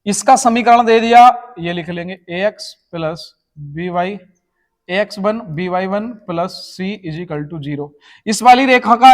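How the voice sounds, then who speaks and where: A man teaches math for an exam, walking through each step of a formula and pausing to ask whether his students are following. His voice sits high for a man. The sound carries a long, echoey room reverb. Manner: explains step by step, keeps checking students follow. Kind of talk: exam-prep math lecture.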